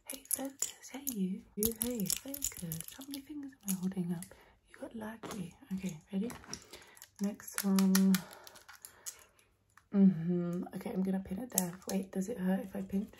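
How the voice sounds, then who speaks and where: A woman doing an ASMR role-play in a soft, breathy ASMR voice, coaxing the listener playfully with repeated trigger words and tingly mouth sounds. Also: moderate pace, noisy background. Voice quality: soft-spoken, breathy soft voice, often slipping into soft low speech. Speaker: ASMR performer.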